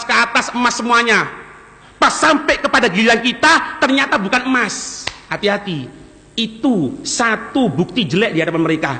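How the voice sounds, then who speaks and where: A man with a Javanese accent giving a sermon as a lively storyteller who mixes in local words, recorded in a prayer hall. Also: very high voice. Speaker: preacher.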